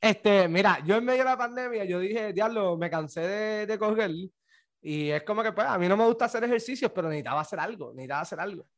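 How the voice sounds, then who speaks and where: A man's voice: sits high, expressive. A young man with a Puerto Rican accent, telling stories and swearing freely in a casual podcast chat. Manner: storytelling, swearing, quick laughs. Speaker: podcast co-host.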